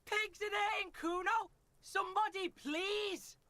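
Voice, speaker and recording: A woman's voice: very high voice, fairly even intonation, unhurried, very noisy. A woman voicing a crude, foul-mouthed boy who mocks and taunts in the third person. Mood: yelling.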